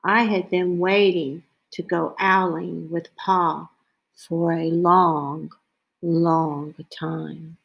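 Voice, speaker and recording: A woman reading a children's picture book aloud as a storyteller, in a deliberate way. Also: lowish voice, flat delivery, vocal fry.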